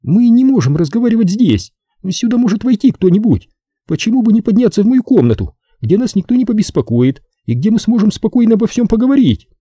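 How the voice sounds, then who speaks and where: A man's voice: sits high, big pitch swings, a little fast, mellow, husky, no echo, studio quality, pitched above the performer's own voice, full character voice. A man putting on a coy scheming woman. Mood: coaxing. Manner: sweet, wheedling, falsely innocent. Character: Zelda, coy scheming woman feigning innocence.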